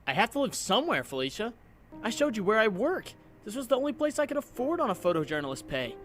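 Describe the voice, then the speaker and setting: A man's voice: high voice, big pitch swings, fast talker, a bit bright, slight background noise. A man voicing an earnest, self-doubting and wry young superhero in a comic book dub, with theatrical delivery. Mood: defensive.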